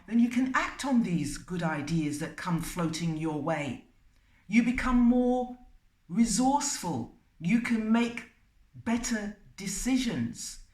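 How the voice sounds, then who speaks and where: A woman hosting a self-help video, giving a motivational talk with stories, unhurried and pausing between short phrases. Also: mid-range voice, a little mellow. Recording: roomy and distant from the mic.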